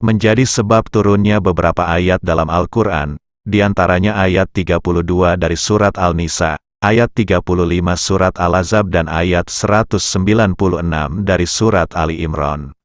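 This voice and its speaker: A man narrating Islamic history, reading translated passages in a measured, steady way and citing his sources. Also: low-pitched, dry recording. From Indonesia. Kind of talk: reading translated texts aloud.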